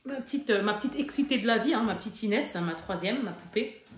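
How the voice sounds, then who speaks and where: A woman in her thirties, a mother, chatting casually and warmly to her viewers with lots of fillers while showing off her shopping. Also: fairly high pitch, lively intonation, quick pace. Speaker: vlogger, mother. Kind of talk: casual haul vlog chat. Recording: echoey room with background noise.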